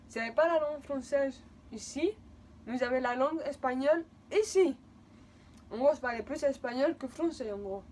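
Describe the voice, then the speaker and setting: In a vlog, a Spanish woman in her twenties, a native Spanish speaker, tells a rambling personal story in French with a Spanish accent. Her voice is a little high, and she sounds emotional and repetitive. Slight background noise is audible.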